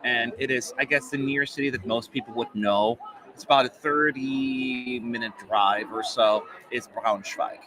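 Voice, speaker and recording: Chatting on a live stream with many fillers, this host is a man in his forties, born in Germany and now living in the US, whose largely American speech hides a faint German accent. His mid-range voice stays steady at a moderate pace, and the rough recording includes crowd noise.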